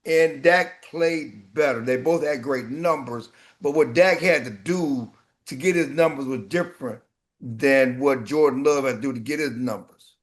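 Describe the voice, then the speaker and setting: A man's voice: medium pitch, normal speed. A man hosting a casual sports debate, talking in an argumentative way with emphatic repetition. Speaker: sports show host.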